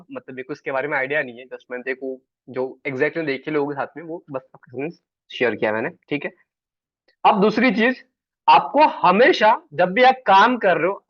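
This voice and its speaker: A man's voice: fairly high pitch, dry recording. A man teaching an online sales class, chatty and always checking in with his students. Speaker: sales trainer. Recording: dull, dry online call audio.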